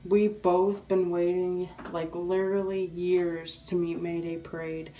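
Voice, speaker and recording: A young woman telling a story in a casual vlog, excitable and rambling, with many restarts and fillers. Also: fairly low pitch, unhurried, recorded from a distance, poor audio. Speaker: vlogger.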